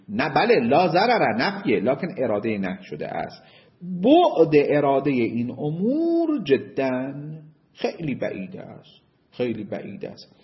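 Male seminary lecturer, very animated pitch, muffled lo-fi recording. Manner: slow deliberate reading of Arabic text, then lively asides. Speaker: seminary teacher. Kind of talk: lecture on Islamic jurisprudence.

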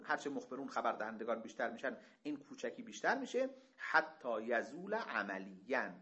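Animated male lecturer, bright lively voice. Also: highs cut off. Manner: reads Arabic slowly then explains conversationally; asks rhetorical questions, lively pitch swings. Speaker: teacher explaining a text. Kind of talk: lecture reading and explaining Arabic passages.

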